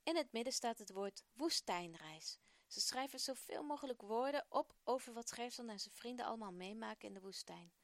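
A woman presenting a children's radio program, telling a story in a lively, expressive way. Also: fairly high pitch, moderate pace, no echo.

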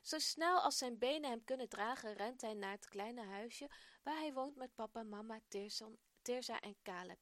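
A woman storyteller reading a children's Bible story aloud in a gentle, expressive voice. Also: a little high, moderate pace, no echo.

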